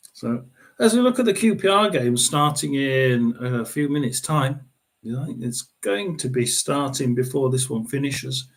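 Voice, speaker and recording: A middle-aged man hosting a football watchalong, chatting casually with many fillers and frequent throat clearing. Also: medium pitch. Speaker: watchalong host. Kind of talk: casual live football commentary.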